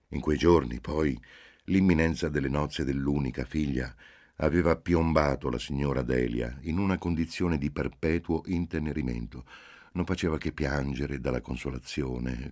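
A man reading a novel aloud as an audiobook, in a measured, even-paced way, softening his voice for the dialogue. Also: extremely low pitch, no echo, clean studio sound. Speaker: audiobook reader. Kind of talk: literary audiobook narration.

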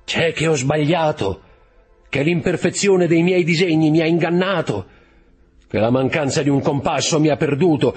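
A man reading an audiobook voices an unseen, long-imprisoned man who questions another through the stone, in a husky, raised tone. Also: on the high side, voice pushed up. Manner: questioning, hushed and sepulchral. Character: mysterious male prisoner speaking through a wall, long confined.

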